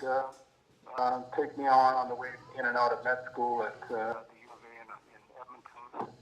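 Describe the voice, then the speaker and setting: A man calling in over a speakerphone to give a halting spoken tribute at a memorial. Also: mid-range voice. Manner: halting, with many fillers and restarts. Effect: heard over a speakerphone. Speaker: family member calling in to a memorial. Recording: lo-fi echoey speakerphone audio.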